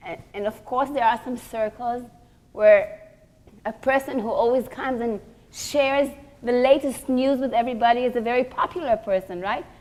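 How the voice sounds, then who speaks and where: Speaking at a normal speed in a slightly high, somewhat mellow voice, a woman teaches a religious class to a group of women. Her manner is earnest and instructive, and she often poses rhetorical questions and presses her points home.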